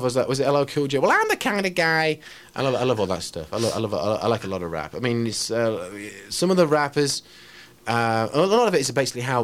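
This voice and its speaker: A middle-aged man, a ranting poet talking in a radio interview, brash and rambling with many restarts. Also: lowish voice. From England.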